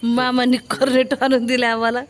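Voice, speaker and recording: A woman's voice: fairly high pitch, flat delivery, a little fast, soft background music. A woman filming a family vlog at a village home, coaxing and teasing a small child. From Maharashtra, India. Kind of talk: casual family vlog narration. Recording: busy family crowd behind.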